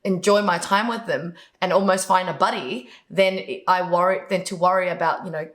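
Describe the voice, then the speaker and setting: The show's host, a middle-aged Vietnamese business coach, answers interview questions in a chatty way and laughs now and then. Her voice is fairly low and steady, at normal speed, and the recording is reverberant.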